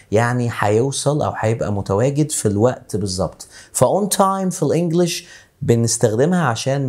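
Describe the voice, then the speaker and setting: A man with an Egyptian Arabic accent teaching English casually, slowing down to repeat English phrases word by word. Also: mid-range voice, darkish tone. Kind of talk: casual video lesson.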